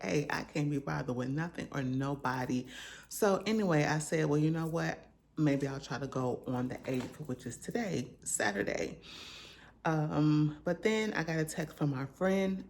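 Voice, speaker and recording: Low-voiced woman vlogger, groggy morning voice. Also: a little hiss or hum. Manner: relaxed, talkative, slangy. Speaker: vlogger host. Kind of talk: casual chatty vlog. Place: at home, indoors.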